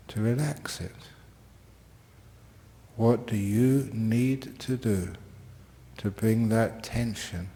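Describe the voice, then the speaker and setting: A man teaching meditation, giving slow, gentle guided meditation instructions with long, unhurried pauses. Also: lowish voice.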